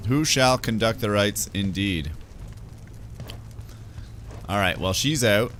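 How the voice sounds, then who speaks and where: A man's voice: on the low side, lively intonation, takes it slowly, a bit bright, soft background music. A man from Canada streaming a game, chatting casually and reading game text aloud. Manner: chatty, rambling, light-hearted. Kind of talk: casual let's-play commentary and reading aloud.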